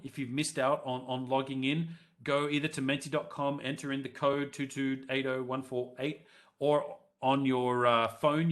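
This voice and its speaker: A man's voice: medium pitch, fairly bright tone. Male webinar presenter on a headset mic, mid-range voice, chatty and direct with his audience. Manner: conversational, addresses the audience directly and runs live polls.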